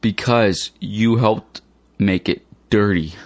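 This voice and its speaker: Man, low voice, slow and careful, plain delivery, dry close mic; reads learner dialogues. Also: no echo. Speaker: dialogue reader for English learners. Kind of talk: slow scripted dialogue reading.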